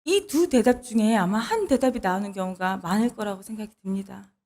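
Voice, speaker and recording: A woman preaching a midweek church sermon, earnest and expressive, who acts out pleading prayers as she teaches. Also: mid-range voice, a little fast.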